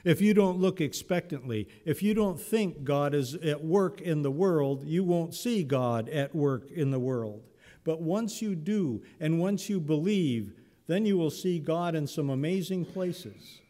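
A man's voice: on the high side, lively intonation, a little slow, dark tone. A male pastor preaching a sermon in a church, telling Bible stories in a conversational, humorous way. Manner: conversational, humorous storytelling with acted-out voices. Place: church sanctuary. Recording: long church reverb.

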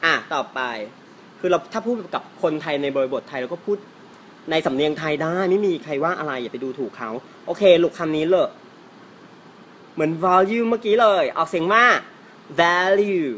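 A man's voice: on the high side, expressive, a bit bright, slight background noise. Playful man teaching pronunciation. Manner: playful, teasing, addresses viewers as kids; drags out example words slowly. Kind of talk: casual pronunciation lesson.

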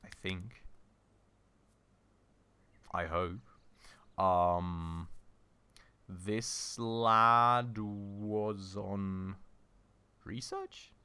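A man hosting a let's-play, thinking aloud with many fillers and self-corrections, his voice slightly husky from a recent illness. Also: on the low side, fairly even intonation, drawn-out words, pauses often, bright, forceful tone, no echo. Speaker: gaming channel host. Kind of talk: casual let's-play commentary.

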